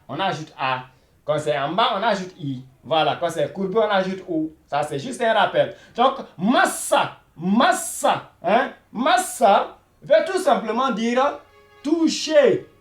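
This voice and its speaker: Slow, sing-song man teaching Arabic. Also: fairly high pitch, reverberant. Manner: repeats words slowly, many "voilà" fillers. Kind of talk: beginner language lesson.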